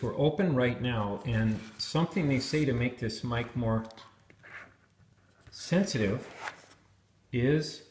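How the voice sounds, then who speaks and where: In a roomy, echoing recording with a little hiss or hum, a man with a lowish voice reviews helmet intercoms. He demonstrates the gear hands-on and unscripted, walking through it step by step.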